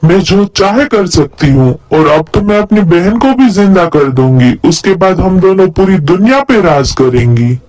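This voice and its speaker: A man's voice: high voice, animated, normal speed, few pauses, a little mellow, rough recording. A man voicing a wicked, scheming female witch who makes menacing threats in a cartoon. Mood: gloating.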